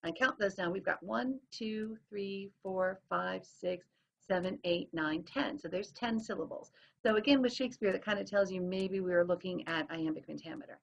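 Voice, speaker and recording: A woman's voice: mid-range voice, normal speed, vocal fry. A woman teacher explaining things in a recorded lesson, sounding out rhythms as she goes. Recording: dull lo-fi recording.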